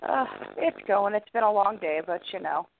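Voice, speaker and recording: A woman's voice: medium pitch, animated, normal speed, creaky. A woman chatting casually as a co-host on a talk show. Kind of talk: casual chat. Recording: thin phone-line sound.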